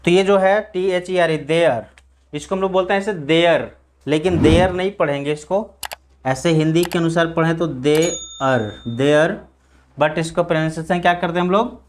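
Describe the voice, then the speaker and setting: An English teacher with a slightly high voice and little pitch movement gives a classroom pronunciation lesson. He spells words letter by letter, drills them slowly, and asks the class questions that he answers himself, with slight background noise present.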